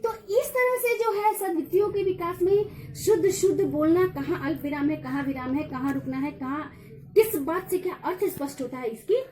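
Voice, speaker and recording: A middle-aged woman lecturer giving a revision lecture, explaining step by step and slowly repeating key phrases. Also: extremely high pitch, dark tone. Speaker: college lecturer.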